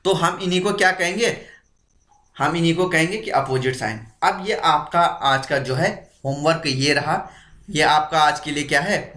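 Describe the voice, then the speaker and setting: A man's voice: a little high, sharp tone, echoey room. A man teaching an exam-prep reasoning lesson who asks questions and answers them himself, repeating key points.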